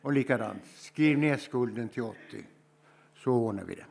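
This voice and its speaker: Swedish male preacher, mid-range voice, unhurried and thoughtful with weighty pauses. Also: medium pitch, creaky, a little mellow, husky. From Sweden. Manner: slow, reflective storytelling with emphatic pauses. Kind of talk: sermon.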